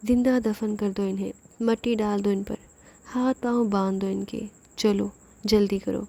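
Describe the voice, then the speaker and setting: A woman's voice: mid-range voice, fairly even intonation, vocal fry, mellow. A woman playing an enraged feudal lord. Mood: furious. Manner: commanding, furious.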